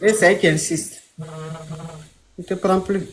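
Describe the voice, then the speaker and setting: A woman's voice: mid-range voice, steady tone, measured pace, a little hiss or hum. A woman hosting a live call-in show as a coach, speaking to callers in a blunt, impatient way.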